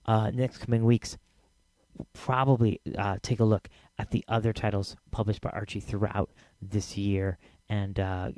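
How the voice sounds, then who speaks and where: A man hosts his podcast alone, his lowish, darkish voice barely moving in pitch as he speaks unhurriedly, with no echo. He chats casually with frequent fillers and repeats, his voice scratchy as he loses it.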